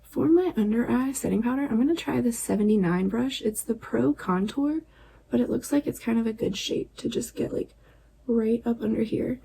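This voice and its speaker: A woman chatting casually through a makeup tutorial at home at night, relaxed and chatty, often dropping to a near-whisper. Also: on the high side, moderate pace, creaky, slightly rough, rough recording. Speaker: beauty vlogger.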